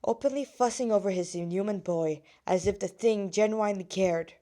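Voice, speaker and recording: A woman with a warm, mid-range voice reads her own fan fiction aloud in an amateur, halting way. She stumbles, corrects herself and drops in casual asides.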